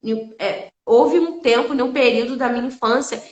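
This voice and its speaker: A woman hosts a live stream and shares a personal faith testimony in a high, bright voice. She speaks earnestly and emotionally, circling back to repeat key phrases. Her voice carries a noticeable echo from the room. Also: moderate pace, dull audio.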